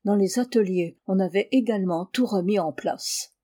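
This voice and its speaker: A woman reading a classic novel aloud in measured, even narration. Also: medium pitch. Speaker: reader.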